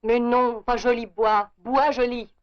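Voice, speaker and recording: Une actrice jouant une femme mariée intrigante et audacieuse, au ton vif et théâtral, dans un vieux film. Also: female voice, fairly high pitch, fairly even intonation, close to an everyday voice. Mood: commanding. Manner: brisk, commanding, theatrical. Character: scheming bold married Parisian woman. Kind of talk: 1930s French film acting. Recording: dull lo-fi old film soundtrack.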